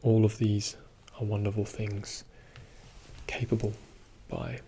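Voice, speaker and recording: Slow, soft-spoken man giving whispered ASMR pep talk. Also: fairly low pitch, wildly swooping pitch, creaky, a little hiss or hum. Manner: soothing, reassuring, slow and deliberate with pauses. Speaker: ASMR video host.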